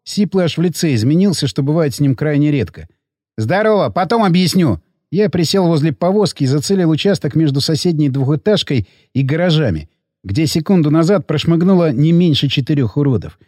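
A man narrating an audiobook in a gruff, coarse first-person voice. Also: a little high, lively intonation, a little fast, mellow, dry recording, clean studio sound.

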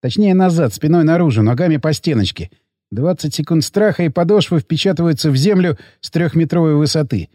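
Lively gruff male audiobook narrator. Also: fairly high pitch, fairly quick, no echo, studio quality. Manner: gruff, coarse first-person telling.

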